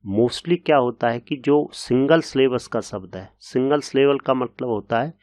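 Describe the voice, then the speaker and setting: A man teaching an English grammar lesson in a patient, explanatory way, often pausing with hesitation fillers. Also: mid-range voice, darkish tone, no echo, studio quality.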